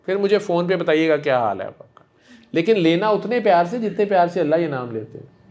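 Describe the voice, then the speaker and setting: A man counseling a patient in a gentle, coaxing and affectionate way, repeating himself warmly. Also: sits high, sing-song. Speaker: spiritual healer counseling a patient. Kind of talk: one-on-one counseling session.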